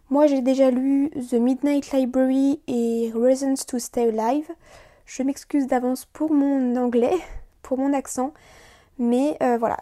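Young woman, high mellow voice, loose chatty podcast host with lots of fillers. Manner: chatty, many fillers and restarts. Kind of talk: casual solo podcast chat.

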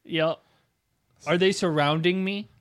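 A man playing a tabletop game, excitable and prone to swearing, reacting to his rolls. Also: sits high, measured pace, dry recording, clean studio sound. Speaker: player.

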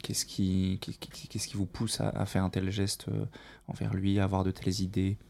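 A man playing a sleazy, scheming hypnotist doctor in an improvised comedy scene, pompous and quick to irritation. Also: sits low, completely flat delivery, vocal fry, a little mellow. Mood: fumbling. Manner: pompous, easily irritated, hesitant. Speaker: improv performer. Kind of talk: improvised comedy role-play.

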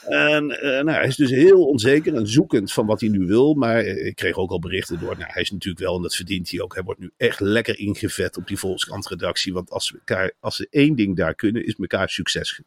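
Co-host, man, husky and lively, dry close sound, satirical ranting. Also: fairly low pitch, brisk, few pauses, dry recording. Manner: mocking, spins long satirical riffs. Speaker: podcast co-host. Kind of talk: comic casual chat.

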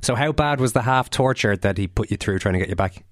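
Irish man, sports podcast host, very quick delivery, close dry sound. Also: on the low side, expressive, no echo. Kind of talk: sports interview.

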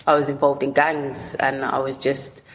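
A woman with a low voice and a south London accent speaks candidly as an interview guest. She talks colloquially, in short bursts, often rewording as she goes. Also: flat delivery, normal speed, poor audio. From south London, England. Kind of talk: candid personal storytelling in an interview.

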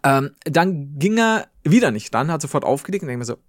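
A man hosting a casual podcast, telling an anecdote in an animated way and laughing often mid-story. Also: on the high side, fairly quick, no echo, studio quality. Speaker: podcast host.

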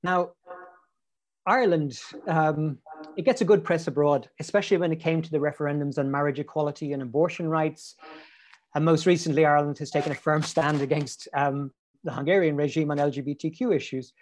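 Male interviewer, somewhat high-pitched, formal and earnest, delivering prepared remarks at a measured step. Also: fairly even intonation, slight background noise.

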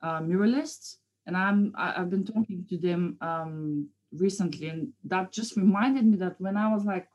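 A woman's voice: on the low side, normal speed, few pauses, darkish tone. A woman in her thirties from Bulgaria, talking casually about her art in an interview, hesitant, with many fillers and restarts. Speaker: guest artist.

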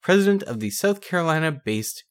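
Man, very animated pitch, jokey podcast co-host, casual swearing. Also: brisk. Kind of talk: casual chat reading old news.

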